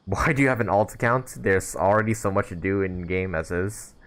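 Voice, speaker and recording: During a laid-back gaming stream, a man with a low-pitched, fairly bright voice talks to viewers, wandering from thought to thought out loud. Game music can be heard behind him.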